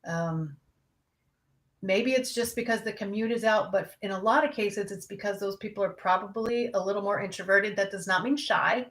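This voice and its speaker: A woman's voice: mid-range voice, moderate pace, fairly bright tone. A young adult woman counselor talking candidly and conversationally about anxiety to a live audience. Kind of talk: casual talk on anxiety.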